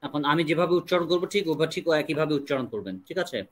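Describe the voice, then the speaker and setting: A young man with a Bangladeshi accent teaching an online English class, slowly drilling questions and answers for students to repeat. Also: a little high, slight background noise. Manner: slow deliberate drilling of English sentences.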